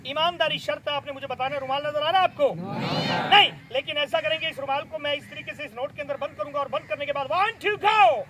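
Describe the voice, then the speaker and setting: A middle-aged man, performing magic tricks for schoolchildren outdoors, loud and showy, coaxing the kids along. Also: very high-pitched, expressive, fast talker. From Pakistan. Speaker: stage magician. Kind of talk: live magic show patter for schoolchildren. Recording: noisy outdoor crowd. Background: crowd of children and street noise.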